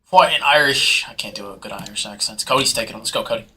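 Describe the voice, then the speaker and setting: Guy hosting a live card break, super bright sharp voice, hyped quick bid calling. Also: lowish voice, steady tone. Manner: hyped, fast auction patter. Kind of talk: live sales commentary.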